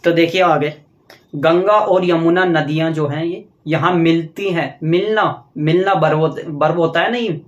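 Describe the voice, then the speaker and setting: This grammar lecture comes from a man with a somewhat high voice, recorded with a roomy, dull sound. Writing on the board, he dictates slowly, breaks things down step by step, and keeps asking and answering his own questions.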